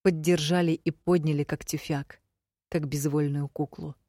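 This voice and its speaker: A woman reading a first-person fantasy audiobook, measured and emotive. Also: low-pitched, fairly even intonation, dark tone, no room sound, studio quality. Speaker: audiobook narrator.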